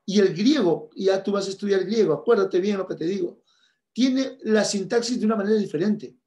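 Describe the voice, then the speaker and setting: A man's voice: high voice, brisk, dark tone. A man teaching a church class, earnest and repeating his key points, speaking to listeners as brothers and sisters.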